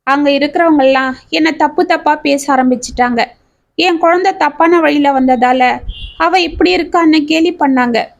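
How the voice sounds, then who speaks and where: A woman's voice: high voice, normal speed, gravelly, dull audio. A woman doing a grieving, tearful mother. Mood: sorrowful confession. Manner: heartfelt confessional telling.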